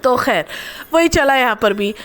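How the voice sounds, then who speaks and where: A woman's voice: fairly high pitch, expressive, measured pace. A woman vlogger giving gossipy reaction commentary in a sarcastic, teasing manner. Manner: sarcastic, teasing, mocks others.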